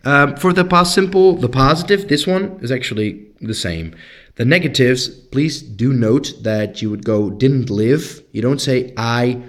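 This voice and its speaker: A man's voice: mid-range voice, animated, unhurried. Patient Dutch-accented man teaching grammar. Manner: patient, explains step by step with frequent fillers. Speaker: English teacher. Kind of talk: recorded grammar lesson for students.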